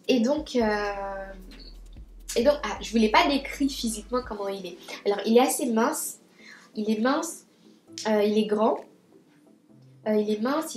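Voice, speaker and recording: A young woman tells a story to camera in a casual vlog. She talks in a chatty, animated way, stumbling over fillers and restarts, and her voice sits a bit on the high side. The room around her gives a clear echo. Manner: chatty and animated, many fillers and restarts, acts out her own quoted lines. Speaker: beauty vlogger telling a story. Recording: echoey room.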